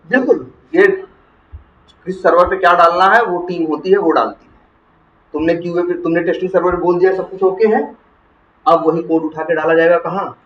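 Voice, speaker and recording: A man teaching software testing in to a class, asking questions and answering them himself. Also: sits high, fairly even intonation, a little fast. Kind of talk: classroom lecture. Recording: roomy, distant, muffled classroom recording.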